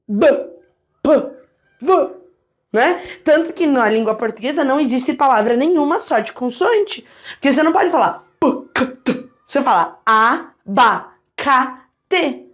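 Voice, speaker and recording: A woman teaching a Portuguese grammar lesson, talking straight to viewers and sounding out vowels and consonants for them to repeat. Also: sits high. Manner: lively, addresses viewers directly, models sounds aloud.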